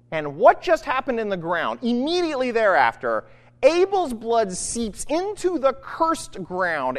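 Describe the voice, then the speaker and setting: A preacher in mid-sermon, the voice rising and falling dramatically as it drives through each point. Questions are tossed out to the listeners and then answered. A long, echoing reverb trails each phrase, as if from a large church hall. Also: mid-range voice. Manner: rhetorical questions, emphatic preaching.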